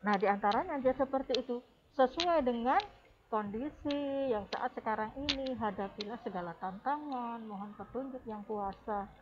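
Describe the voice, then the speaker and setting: A woman music teacher giving a recorded lesson, patiently explaining to her pupils and addressing them warmly as a class. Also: on the high side, normal speed, dull audio, a little hiss or hum.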